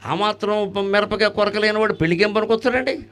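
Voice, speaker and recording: A man with a high voice gives a spiritual discourse. He jokes with the audience, fires off rhetorical questions and chants Sanskrit verses. He swings from loud, animated bursts to soft, low asides. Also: fast talker. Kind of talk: devotional discourse.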